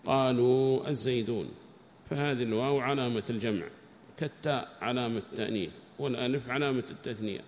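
Man teaching with echoing reverb. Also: fast. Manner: raises pitch and volume to read quoted text, drops to explain. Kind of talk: classical Arabic grammar and Quran recitation lesson. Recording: reverberant room with faint background noise.

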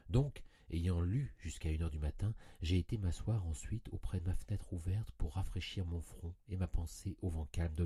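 A man's voice: sits low, warm tone, slightly rough, no room sound. A man giving a dramatic literary reading of a story in an intense, anguished storytelling manner, on a close studio mic. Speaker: audiobook reader.

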